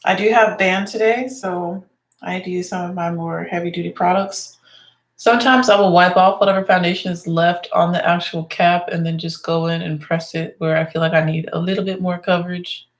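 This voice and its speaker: In an echoey room, a young woman with a congested, stuffy voice rambles casually through a get-ready-with-me chat while doing her makeup. She's a beauty vlogger and teacher, speaking fairly quickly in a lowish voice with fairly even intonation.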